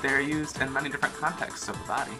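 A man's voice: medium pitch, fairly even intonation, fast. A young man co-hosting a video in a casual, playful back-and-forth debate. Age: young adult. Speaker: video co-host. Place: small living room, indoors on a sofa. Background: music.

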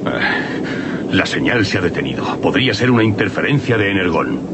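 A man's voice: low-pitched, animated, a little fast, heavy background noise. A man voicing an earnest, concerned heroic robot commander in a Castilian Spanish cartoon dub. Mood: concerned, focused. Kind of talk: cartoon dubbing. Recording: loud soundtrack music underneath.

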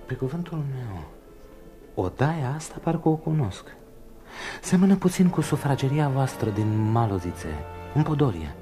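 An actor playing a blunt, brash young man, the hero's friend, in a radio drama, loud and emphatic. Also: mid-range voice, big pitch swings, soft background music, natural voice. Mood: eager. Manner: emphatic, shouting at times.

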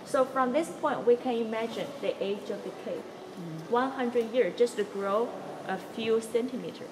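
A woman's voice: on the high side, normal speed, recorded from a distance. A woman with a Chinese accent working as a cave tour guide, explaining and pointing out sights to a group as her voice echoes through the cave. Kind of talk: live guided tour commentary. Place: inside a large show cave. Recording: echoey cave, long reverb, loud noise.

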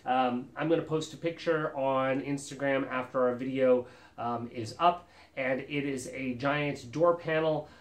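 A man's voice: medium pitch, fairly even intonation, a little slow, reverberant. A man in his forties hosting a casual collector vlog at home, enthusiastic and rambling with plenty of fillers. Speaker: collector channel host. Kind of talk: casual show-and-tell vlog. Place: living room with a lit holiday tree, indoors.

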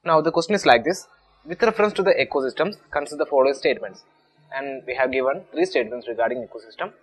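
A man's voice: fairly high pitch, animated, fast talker, rough recording. A man with an Indian English accent teaching an exam-prep lesson, explaining patiently and restating each point step by step. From Kerala, India. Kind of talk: explanatory lecture.

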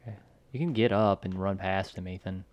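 Excitable laughing gaming co-host man. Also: deep voice, a little fast, no room sound. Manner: excitable, laughs often, backseat directing. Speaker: let's play co-host. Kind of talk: casual gaming commentary.

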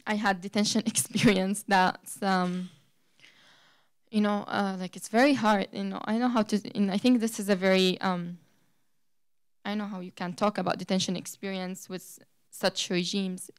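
A woman's voice: medium pitch, smooth. A young woman from Syria, giving an earnest personal account as a guest speaker into a handheld mic in a lecture room, often restarting her sentences. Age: young adult. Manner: earnest, with frequent restarts and fillers. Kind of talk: personal account at a public talk. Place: lecture room with a seated audience. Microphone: handheld microphone.

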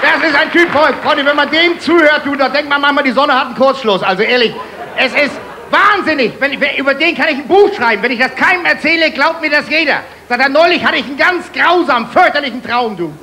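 A man from Hamburg with a Hamburg accent doing rapid-fire stand-up jokes on stage, punchy one-liners, keeps calling the crowd "friends". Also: extremely high pitch, bright, forceful tone. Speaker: stand-up comedian. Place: live stage before a laughing audience. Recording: TV show stage recording with crowd noise.

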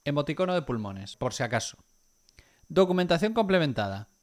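Lively man telling a story. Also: fairly high pitch, fairly quick. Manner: animated, mocking, with stumbles and restarts. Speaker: YouTuber recounting a chat with a scammer. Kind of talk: casual storytelling, reading chat messages aloud.

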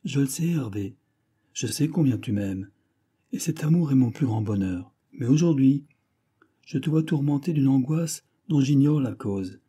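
A man voicing a tender young noblewoman bride, pleading earnestly with her husband in a husky voice. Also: mid-range voice, expressive, measured pace, dark tone, pitched above the performer's own voice.

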